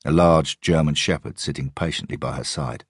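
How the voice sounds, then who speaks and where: A man reads a first-person story in a measured, steady way. His voice is extremely deep and somewhat husky, recorded close and dry with no room sound. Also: dry recording. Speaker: audiobook narrator. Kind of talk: first-person audiobook narration.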